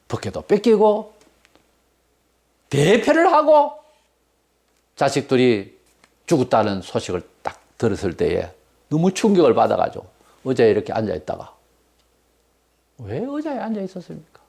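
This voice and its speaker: A man's voice: medium pitch, a little mellow. A man preaching a sermon as pastor, blunt and emphatic, firing off rhetorical questions.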